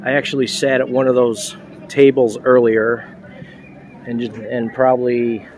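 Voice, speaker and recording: A man's voice: mid-range voice, flat delivery, a little slow, darkish tone, slight background noise. A man in his thirties casually narrating a walking tour outdoors at a train station, filming with a handheld phone and chatting as he points things out. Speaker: vlogger.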